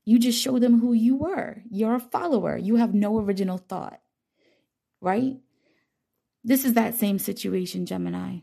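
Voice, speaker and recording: A woman giving a casual, blunt zodiac reading, talking straight to the listener with lots of swearing and animated outbursts. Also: medium pitch, gravelly. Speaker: tarot reader.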